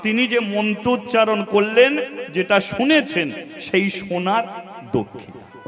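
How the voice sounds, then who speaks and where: A man with a high voice preaches slowly at a live kirtan. He tells a devotional story, keeps asking the listeners questions and repeats his points in lists. The PA microphone rings in a long reverb, with instruments playing clearly behind him. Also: expressive, over music. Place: live devotional gathering before a seated audience.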